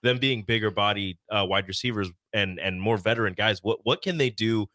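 A man in his thirties, a regular on a sports radio show, asking quick, chatty questions. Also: lowish voice, bright, forceful tone, no room sound. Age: 30s. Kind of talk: casual sports radio talk.

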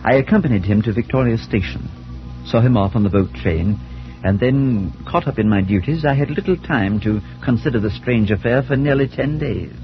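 An actor playing a skeptical, concerned priest who narrates an eerie 1940s radio play in a measured, formal, theatrical way. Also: male voice, mid-range voice, lightly acted. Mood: grave narration. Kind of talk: 1940s radio drama acting. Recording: dull 1940s radio broadcast, music behind.

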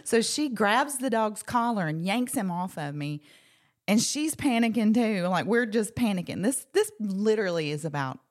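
A woman, co-hosting a podcast and telling a story in a casual, animated way, acting out quotes. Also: medium pitch, moderate pace. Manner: animated storyteller, acts out quotes, laughs often. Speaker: podcast co-host.

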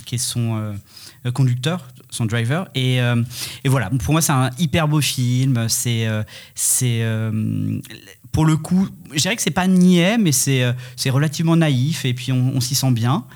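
A man co-hosting a film podcast, soft-spoken and halting, with many hesitations. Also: medium pitch. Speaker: podcast co-host. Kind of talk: casual chat.

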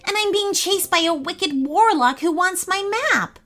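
A woman voicing Nora, a plucky young girl in a storybook, speaking high and insistently. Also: expressive, normal speed, sharp tone, faint music behind, exaggerated voice.

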